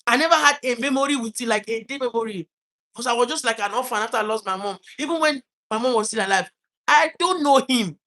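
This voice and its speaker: A man with a Nigerian accent tells a painful personal story in an earnest, halting way. He often repeats and restarts his words while trying to hold back tears. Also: extremely high pitch, sharp tone. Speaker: vlogger telling a personal story.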